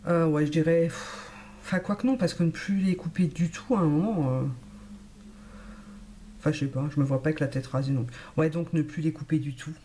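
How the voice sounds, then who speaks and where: Warm-voiced chatty woman vlogger. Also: sits low, fairly even intonation, brisk, slight background noise. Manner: chatty and hesitant, many fillers. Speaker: beauty vlogger. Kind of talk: casual chat to camera.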